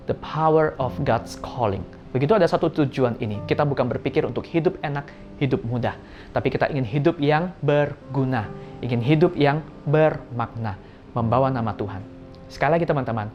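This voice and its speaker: A young man giving a Sunday school sermon, lively and playful, telling stories and acting out voices, on a slightly dull recording. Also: medium pitch. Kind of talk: children's sermon.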